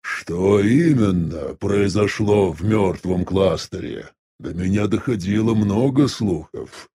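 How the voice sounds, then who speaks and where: A man voicing an elderly sect elder in an audiobook, speaking in a measured, weary, reflective way with a husky voice. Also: on the low side, dark tone, a little hiss or hum. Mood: weary musing. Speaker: audiobook voice actor. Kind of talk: audiobook dialogue reading.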